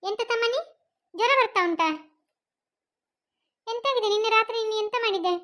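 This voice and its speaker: A woman's voice: extremely high pitch, moderate pace, sharp tone. A woman voicing a worried, protective mother with a Mangalore Kannada accent, fussing over and scolding her young son.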